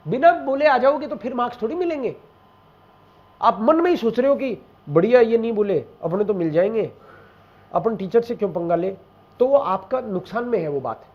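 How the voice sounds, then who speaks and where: A man with a high voice explains exam tips to a class in a relaxed, conversational way, speaking right to his students. He slips German example phrases into his talk. The recording is dull and lo-fi. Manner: mixes Hindi with German example phrases, addresses students directly. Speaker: German language teacher.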